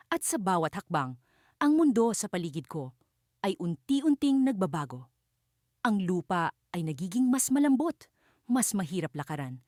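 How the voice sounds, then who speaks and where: A woman narrating a fantasy storybook in the first person, in an expressive, dramatic way. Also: mid-range voice, no echo, studio quality.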